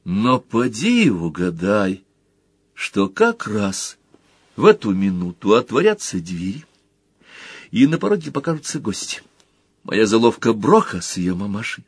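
A man narrating a story as an audiobook, animated and switching between character voices. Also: medium pitch, breathy edge, no echo, clean studio sound. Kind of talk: audiobook reading.

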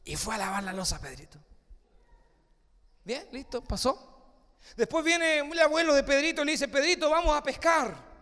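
A male pastor preaching a sermon, telling a story and acting out its voices, moving from hushed to shouting. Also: very high-pitched, moderate pace, long pauses, in a large hall. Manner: acts out story voices, swings from soft to shouting.

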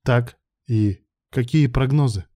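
A man voicing a polite young man, a patient's son, speaking slowly, in an audiobook reading. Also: mid-range voice, warm tone, dry recording, studio quality, close to an everyday voice.

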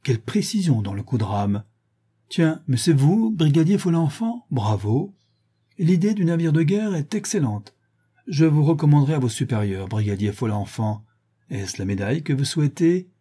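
Male reader doing a mocking gentleman thief: ironic, grandiloquent, pitched up, husky. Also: very animated, moderate pace. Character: suave, mocking gentleman thief, adult man.

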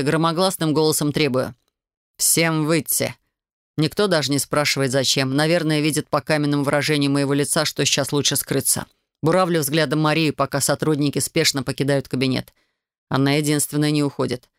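A man's voice: a little high, smooth, dry recording, clean studio sound. Man narrating a brooding audiobook. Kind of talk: first-person audiobook narration.

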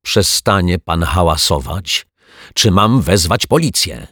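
A man's voice: sits low, moderate pace, dry recording, studio quality. A man reading an audiobook, voicing an irritated middle-aged woman teacher scolding a neighbour. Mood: indignant. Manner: indignant, sharp. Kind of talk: audiobook character voice.

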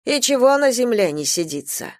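A woman's voice: a little high, very animated, moderate pace, no echo, studio quality, pitched above the performer's own voice. A woman reading a storybook voices a stern, superstitious old grandmother who grumbles and scolds. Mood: grumbling. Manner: scolding, insistent.

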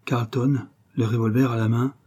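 A man narrating a French literary story as an audiobook, in a measured, even way. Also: medium pitch, husky.

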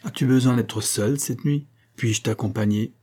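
A man voicing a jovial, theatrical male opera singer who speaks in a lively, expansive and commanding way. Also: medium pitch, moderate pace, close to an everyday voice.

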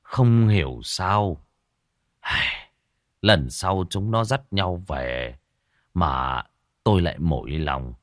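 A man voicing a remorseful older father speaking quietly in an audio story. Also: low voice, animated, slow, long pauses, dry recording, studio quality. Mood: regretful.

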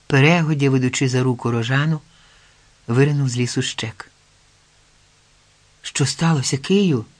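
This is a man narrating an audiobook, his medium-pitched voice carrying a historical folk tale. He reads the script with measured pacing and expressive storytelling.

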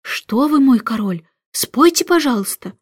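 Woman doing a high, eager old professor. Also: animated, a little slow, no room sound, clean studio sound.

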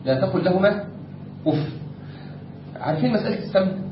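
Egyptian male lecturer, high voice, classroom lesson from a distant dull mic with light hiss. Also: lively intonation, fairly quick. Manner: explains step by step, asks the class rhetorical checks. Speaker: teacher of Islamic jurisprudence. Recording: echoey room, distant lo-fi mic with faint noise.

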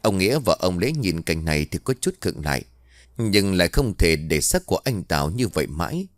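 Brief: male storyteller, low voice, lively delivery, dry close recording. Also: a little fast, no echo. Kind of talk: storytelling narration.

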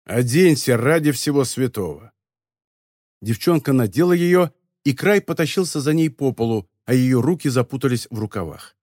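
A man narrating a novel as an audiobook, in lively, expressive storytelling. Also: medium pitch, a little fast, no room sound, clean studio sound. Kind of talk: scripted narration.

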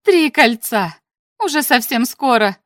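A woman's voice: a little high, measured pace, no room sound, studio quality, close to an everyday voice. A woman voicing a proud sorceress in a storybook reading, declaiming her lines with emphasis. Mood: exultant.

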